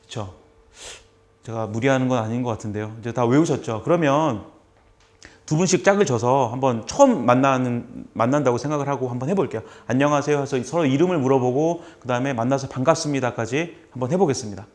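A man's voice: medium pitch, darkish tone. Patient male teacher drilling phrases. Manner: patient, repeats phrases slowly for students to copy. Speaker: language instructor. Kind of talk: classroom lesson.

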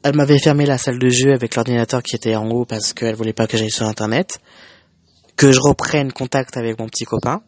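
A man's voice: medium pitch, steady tone, fast talker, no room sound. A young man telling a personal story in an emotional, conversational way, with many fillers and restarts. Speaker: vlogger.

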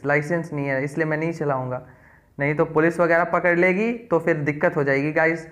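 Playful Indian gamer man, noisy recording. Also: on the high side. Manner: playful, teasing, keeps calling out to viewers. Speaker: mobile game YouTuber. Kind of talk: casual gameplay commentary. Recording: noisy recording with game clicks.

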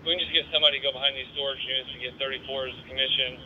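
A man's voice: medium pitch, steady tone, rapid-fire. A man, a police officer, making clipped, businesslike calls over a police radio. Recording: tinny police radio with hiss.

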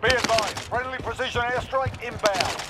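Very high for a male, this soldier announcer delivers clipped, urgent game alerts. Loud gunfire rattles all around the callouts. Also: normal speed, heavy background noise. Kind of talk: tactical radio callouts over gunfire.

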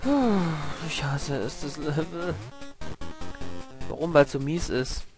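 Narrating his game slowly, this excitable young let's play commentator keeps things casual and chatty, cursing at mishaps and walking his viewers through tricks. He has a slightly high voice, and game music plays distinctly behind him.

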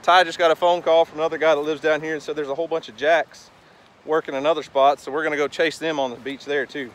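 A man in his thirties vlogs about fishing on a windy beach, chatting upbeat into a handheld camera held at arm's length. His voice is a little high and a bit bright, with little pitch movement and a quick pace.

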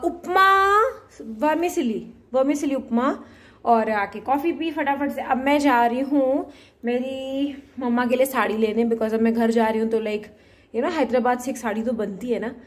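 A woman in her thirties with a voice on the high side speaks at normal speed in a casual vlog. Filming on a phone held at arm's length, she mixes English words into Hindi, starting outdoors by a garden, then at home, and finally in a bustling shop.

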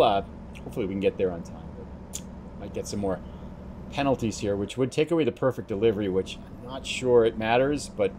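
A man with a fairly low voice talks through his gameplay in a relaxed, chatty way, thinking aloud as he goes. Faint game noise sits behind his voice. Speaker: let's play host. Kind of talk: casual gameplay commentary.

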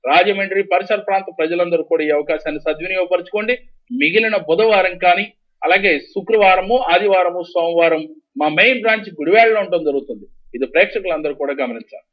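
High-pitched male numerologist, TV call-in, methodical; muffled broadcast sound. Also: fast talker. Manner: steady, instructive, repeats schedules and numbers. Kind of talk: call-in advice, giving readings. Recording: dull lo-fi TV broadcast audio.

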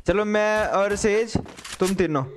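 High-voiced man teasing friends on stream. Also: slow, noisy background. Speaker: live-streaming gamer. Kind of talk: casual banter over voice chat while gaming.

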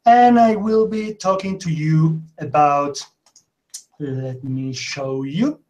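Presenting at a conference by video call from his home, this Argentine man in his forties, whose first language is Spanish, speaks slowly in a fairly high voice. He's animated yet hesitant, filling his talk with fillers, and he's picked up by his webcam.

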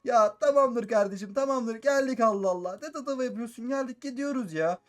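A man excitedly narrating his Minecraft role-play, repeating each phrase and calling out to his viewers. His voice is high and he rattles along at a quick clip. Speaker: gaming YouTuber.

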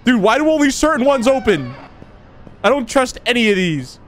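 A young man giving casual commentary as he plays a horror game, sounding scared, jumpy and full of excitable exclamations. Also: very high-pitched, normal speed. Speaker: video game streamer. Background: game music and sound effects.

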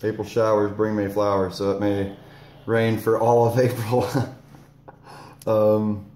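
A man's voice: lowish voice, level tone, measured pace, darkish tone. A young man in his twenties chatting casually as a vlog co-host, laid-back and jokey, laughing between lines. He is filmed by a phone at arm's length inside a large greenhouse. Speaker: vlog co-host, farm intern. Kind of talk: casual chat. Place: large dome greenhouse, indoors. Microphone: phone camera at arm's length. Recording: echoey greenhouse.

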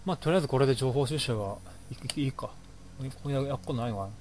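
A man's voice: medium pitch, fast, a little mellow, a little hiss or hum. A man hosting a game playthrough, giving jokey, rambling running reactions as he plays. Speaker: let's play host. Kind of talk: casual game commentary.

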